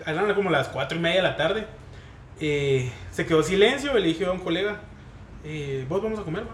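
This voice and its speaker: A man's voice: a little high, animated, brisk, roomy sound, a little hiss or hum. A man, a barber chatting casually in an interview, slangy and laughing often. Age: 20s.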